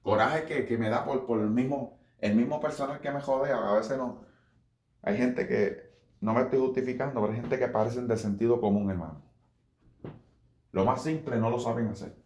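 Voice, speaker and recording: A man's voice: medium pitch, normal speed, darkish tone. Man preaching casually in an echoey room. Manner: conversational, repeats phrases, addresses listeners as brother. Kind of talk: informal sermon.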